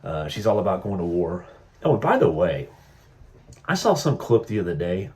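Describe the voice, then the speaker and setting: Deep-voiced guy vlogging, sarcastic, rambly with lots of ums, mocking. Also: very animated, normal speed, dark tone. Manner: sarcastic, joking, rambling with many fillers; mocking impressions of politicians. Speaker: political vlogger. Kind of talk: casual political commentary.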